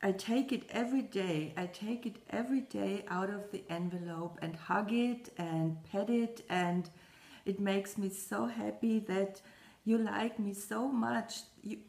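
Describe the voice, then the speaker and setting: A woman talks casually to her stitching audience in a slow, unhurried way, her mid-pitched voice ringing in an echoey room at home. She rambles, restarts her sentences and keeps apologizing. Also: gravelly, a little mellow. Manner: rambling, halting, often apologizing. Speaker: cross-stitch vlogger. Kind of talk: casual chat to camera.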